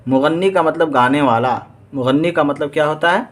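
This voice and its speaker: Speaking with an Indian Urdu accent in a voice that's a little high, a man goes over exam vocabulary. He gives every word and its meaning, says it again, and tests his students.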